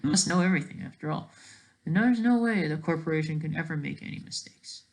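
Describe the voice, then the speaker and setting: Here the off-the-cuff commentary wanders, sarcastic and halting, with thoughts restarted midway and a questioning tag often added. The mid-range voice is expressive and has vocal fry.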